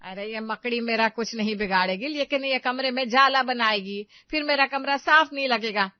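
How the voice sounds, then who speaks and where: Casting: woman doing a stern, bossy cartoon mother-in-law with a high, scolding voice, dull and dry. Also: moderate pace, dry recording, lightly acted. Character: stern scheming middle-aged mother-in-law. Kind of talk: animated storybook voice acting.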